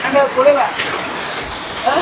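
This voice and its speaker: A woman casually vlogging to viewers, mixing English words into her Malayalam. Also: measured pace. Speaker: travel vlogger. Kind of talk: casual spoken vlog commentary. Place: outdoors on a trek. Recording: very noisy outdoor trail recording.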